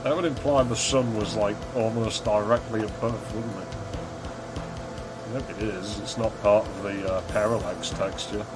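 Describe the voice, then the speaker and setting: In a low-quality recording, a gaming video host with a fairly low, steady voice comments on his playthrough at a moderate pace. His remarks are casual and understated, musing along over loud game music and sound effects.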